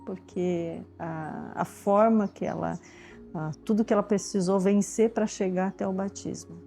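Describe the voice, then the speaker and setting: A woman giving a measured, reflective comment in a church documentary interview. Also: medium pitch, fairly even intonation, vocal fry, dark tone, faint music behind.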